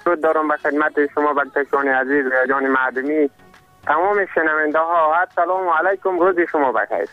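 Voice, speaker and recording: A man from Badghis calling into a radio show, reciting verse slowly and then chatting courteously. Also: on the high side, fairly even intonation, dry recording, faint music behind. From Badghis, Afghanistan. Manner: slow, measured poetry recitation, courteous. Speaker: caller. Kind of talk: phone call reciting verse. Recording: muffled phone-in line.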